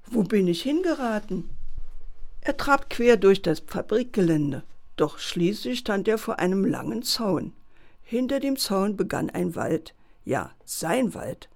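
A woman calmly reading a children's bedtime story aloud. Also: medium pitch.

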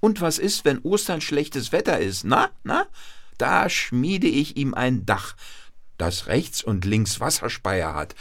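A man's voice: mid-range voice, very animated, slow, fairly bright tone, voice pushed up, exaggerated voice. A man doing a humming old grandfather blacksmith. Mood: playful. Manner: gruff humming, playful musing. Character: old male village blacksmith, grandfatherly, playful.

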